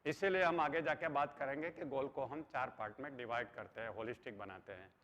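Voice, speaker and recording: A man's voice: medium pitch, a little fast, fairly bright tone. Earnest man lecturing in an echoing hall. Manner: earnest, mixes English phrases into his talk. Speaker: motivational trainer. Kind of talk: motivational lecture. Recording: dull sound with long hall reverb.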